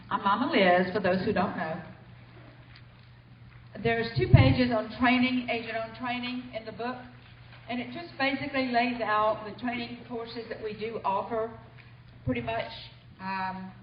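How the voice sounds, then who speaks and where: A woman gives training announcements in a casual, chatty way at a company meeting. She sounds distant from the microphone, and the hotel meeting room echoes around her. The recording is dull and slightly muffled, with a faint hiss. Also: a little high. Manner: chatty, informal. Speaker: training coordinator.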